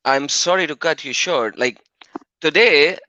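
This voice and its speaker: A man hosting a casual live stream, enthusiastic and quick to laugh. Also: on the high side, pushed and bright, no echo. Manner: upbeat, enthusiastic, laughs often. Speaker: livestream host. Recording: dry, dull lo-fi stream audio.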